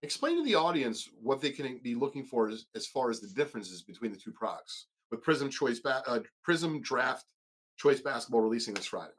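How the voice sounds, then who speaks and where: A man's voice: mid-range voice, very animated, fairly quick, a bit bright. A man co-hosting a podcast, asking questions in a casual, hesitant way full of fillers and self-corrections. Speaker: podcast co-host. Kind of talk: casual chat.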